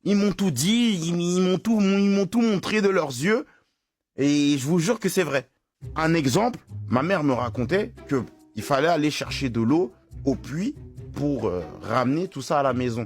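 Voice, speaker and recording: A young man chatting casually to his viewers, telling animated stories in street slang. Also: fairly high pitch, moderate pace. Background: music playing.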